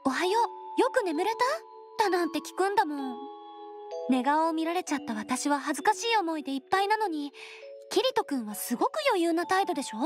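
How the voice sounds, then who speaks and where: A woman voicing an affectionate, gently bashful young girlfriend in soft, intimate pillow talk for a Japanese anime game. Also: very high voice, expressive, brisk, music in the background. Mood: mildly pouting.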